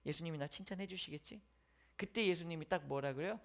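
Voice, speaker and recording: A man's voice: a little high, fast, creaky. A man preaching a sermon as pastor, telling stories with acted voices and dropping to whispers. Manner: lively storytelling, acting out voices, shifting from loud to whispered.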